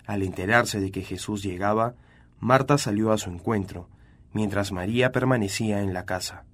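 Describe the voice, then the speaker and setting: A man reading scripture aloud, with a steady and even delivery. His voice sits somewhat low. He keeps a calm, narrating tone throughout. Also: moderate pace. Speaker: Bible reader.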